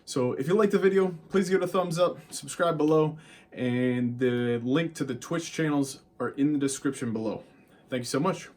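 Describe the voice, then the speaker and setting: A man's voice: fairly high pitch, moderate pace, darkish tone. Easygoing man in his late 20s hosting. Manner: rambling, easygoing, many "like" fillers. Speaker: podcast host and streamer. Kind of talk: casual podcast chat.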